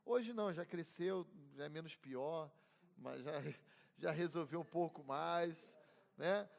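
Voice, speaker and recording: Speaking slowly with vocal fry in a slightly high voice, a middle-aged Brazilian pastor teaches a Bible class conversationally in a Brazilian Portuguese accent. He mixes personal stories and humor with questions to the class, calling on members by turn, and the reverberant church hall echoes around him.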